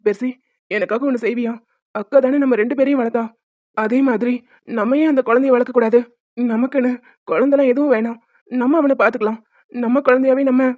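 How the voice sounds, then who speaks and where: A woman's voice: on the high side, steady tone, a little fast, long pauses, dry recording, narrow, tinny audio, natural voice. A woman voicing a young grieving husband and doting father in a cartoon, speaking in an emotional, tearful, pleading way. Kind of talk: cartoon voice acting.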